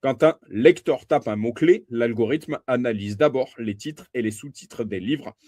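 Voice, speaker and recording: A man's voice: mid-range voice, measured pace, dark tone, no room sound. Man reading a book aloud, dry close sound. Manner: addresses listener as tu, occasional slips and self-corrections. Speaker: book reader and reviewer.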